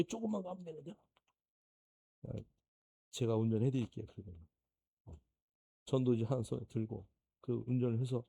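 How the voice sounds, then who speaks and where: A male pastor giving an anecdotal sermon lecture, telling stories in a lively way and acting out the people in them. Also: mid-range voice, creaky. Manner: animated storytelling, acting out quoted people, laughing.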